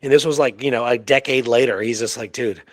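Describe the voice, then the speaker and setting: This podcast co-host talks history in a relaxed, conversational way with some reading aloud, stressing his points and often adding "right?" His mid-range voice is steady and fairly quick, captured in a dry recording.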